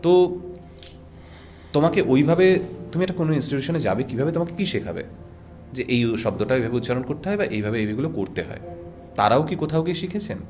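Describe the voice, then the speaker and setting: A Bengali-accented man in a podcast chat, talking at a middle pitch with an earnest, emphatic manner. He drives his points home through rhythmic repetition, and faint music sits under his voice. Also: animated, brisk, long pauses, a little mellow. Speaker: radio jockey and voice artist guest. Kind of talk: podcast conversation.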